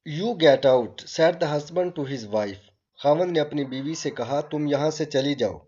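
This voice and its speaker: A man with a Pakistani accent teaching a translation lesson. He reads English lines slowly and explains each one in Urdu. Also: on the high side, mellow, husky. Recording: dull lo-fi sound.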